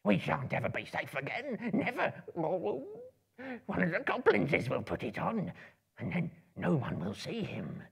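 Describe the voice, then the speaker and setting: In a dramatic book reading, a man voices a small, wretched, spiteful cave creature that hisses and mutters to itself in broken grammar. Heavily acted and pitched high above his own voice, the delivery swoops wildly and runs a little slow, raspy, hissing and creaky, sounding alarmed and urgent.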